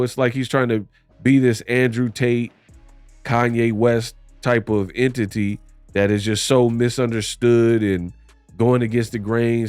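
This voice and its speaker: A man's voice: fairly low pitch, darkish tone, smooth, no room sound. A man giving blunt, critical opinion commentary on boxing in a conversational way.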